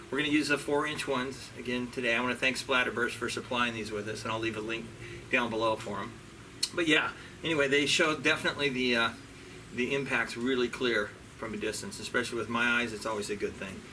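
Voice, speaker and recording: A man hosting a casual airgun review at an outdoor range, chatty and relaxed with frequent fillers. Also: mid-range voice, a little fast, a little hiss or hum, rough recording.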